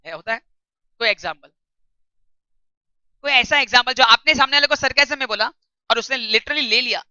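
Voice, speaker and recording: A woman tutor giving a classroom lecture, reading English text slowly and explaining it in chatty while quizzing her students. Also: fairly high pitch, bright, forceful tone, clear, resonant tone, no echo. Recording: dull lo-fi recording.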